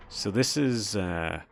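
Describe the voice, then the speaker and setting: Male let's-play host, deep and gravelly, easygoing and loose-tongued. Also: sharp tone. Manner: laid-back, chuckles often, swears casually. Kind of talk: casual gameplay commentary. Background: faint game music.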